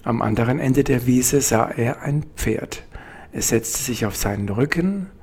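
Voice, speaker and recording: Man, preacher, radio devotion, slow, husky, gentle measured telling. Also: mid-range voice, animated. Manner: gentle, measured, addresses listeners.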